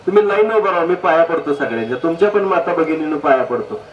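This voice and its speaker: A man's voice: on the high side, lively intonation, fast, lo-fi sound. A man giving a humorous public talk on health, full of anecdotes and direct questions to the audience. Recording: echoey hall, distant mic, faint noise.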